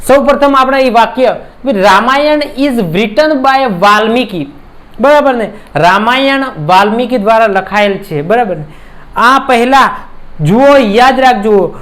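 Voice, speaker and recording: A man's voice: extremely high pitch, a bit bright. A man with a Gujarati accent teaching an English grammar lesson, patiently explaining with examples and often asking "right?". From India. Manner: keeps asking "right?" to check understanding; addresses students as friends, explains patiently with examples.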